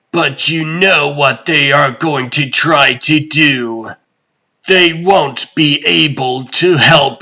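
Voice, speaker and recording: God Emperor Doom, slow and gravelly. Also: male voice, on the high side, pushed and bright, full character voice. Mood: cold, menacing. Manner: grandiose, commanding, deliberate. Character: imperious, menacing male tyrant who rules as god-emperor. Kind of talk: theatrical comic-dub villain acting.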